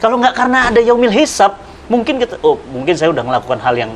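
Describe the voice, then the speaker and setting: A middle-aged man preaching in conversation, telling religious stories with dramatic swings in pitch and loudness and speaking straight to his listener. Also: sing-song, fast talker, slight background noise. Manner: addresses listener directly, persuasive. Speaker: Islamic preacher. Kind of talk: animated religious storytelling in conversation.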